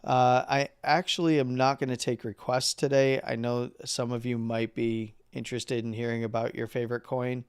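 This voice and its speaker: A man hosting a live market analysis stream who is losing his voice, talking casually through chart levels with halting fillers and the odd throat-clear. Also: medium pitch, little pitch movement, no room sound, studio quality. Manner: halting, with fillers and number readouts; clears throat and coughs now and then.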